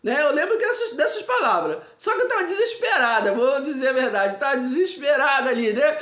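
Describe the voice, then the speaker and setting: Mulher com sotaque brasileiro, voz alta no tom, testemunho pessoal, fala entrecortada e emotiva, ambiente com eco. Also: female voice, high-pitched, very animated, a bit bright. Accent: Brazilian. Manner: halting and emotional, with many restarts and nervous laughs. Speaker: host of a live stream. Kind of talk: personal supernatural testimony. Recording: echoey room.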